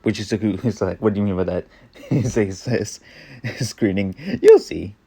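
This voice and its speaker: Young man, fan fiction narration, low voice, gravelly, halting, rambling. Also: dark tone. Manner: rambling, halting, many fillers and restarts.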